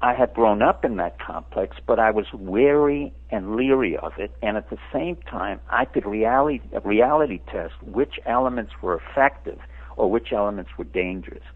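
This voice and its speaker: A man's voice: lowish voice, lively intonation, normal speed. A man in his seventies who grew up in France, a radio interview guest lecturing in an emphatic way. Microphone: phone. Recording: tinny phone line.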